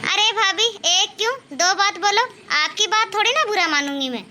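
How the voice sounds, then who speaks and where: A woman's voice: very high-pitched, moderate pace, sharp tone, a little hiss or hum, heavily acted. Woman voicing an outspoken young cartoon daughter. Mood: encouraging. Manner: frank, persuasive, advising. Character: outspoken young daughter, fair-minded and frank. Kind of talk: cartoon moral-story dialogue.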